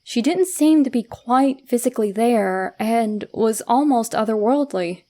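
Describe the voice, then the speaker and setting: A woman reads a scripted first-person horror story in a soft, hushed, measured storytelling manner with suspenseful pauses. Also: on the high side, animated.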